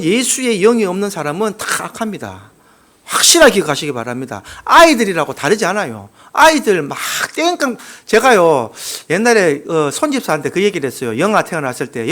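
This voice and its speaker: Gyeongsang accent pastor guy preaching, pretty high voice, folksy stories, goes loud then drops to quiet little asides. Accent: Gyeongsang Korean. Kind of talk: sermon.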